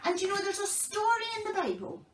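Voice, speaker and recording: A woman, a children's pastor telling children a Bible story in a lively, animated way. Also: extremely high pitch, a little fast, reverberant, far from the mic, a little hiss or hum, poor audio.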